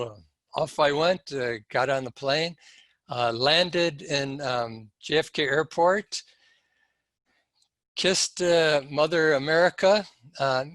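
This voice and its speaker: A man speaking at a symposium, telling a personal story in a slow, reflective and halting way. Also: on the high side, a bit bright, no echo.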